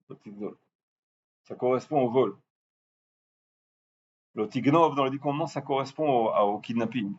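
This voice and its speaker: A man teaching a religious lesson, explaining patiently and slowly repeating words to stress how they are said, often restarting his phrases. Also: mid-range voice, a little mellow, lo-fi sound, a little hiss or hum. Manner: frequent restarts and hesitations. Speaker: rabbi teaching a class. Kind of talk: Torah lesson in French.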